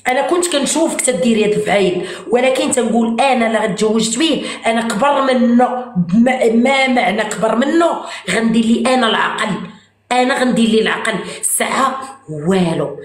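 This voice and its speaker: A woman's voice: on the high side, quick pace. A woman with a Moroccan accent in a heated argument on a live stream, talking over her partner and hammering the same point. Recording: echoey room.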